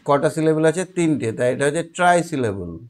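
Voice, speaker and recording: A man teaching a young child their homework, asking questions patiently and explaining slowly. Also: fairly high pitch, expressive, a little mellow.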